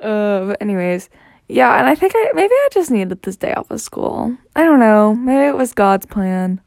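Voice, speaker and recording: A woman's voice: on the high side, big pitch swings, moderate pace, gravelly, a little mellow, no room sound, studio quality. A sick woman, a student, hosting a casual solo podcast, rambling and giggling with lots of "like". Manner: rambling, giggly, heavy use of "like". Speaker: podcast host.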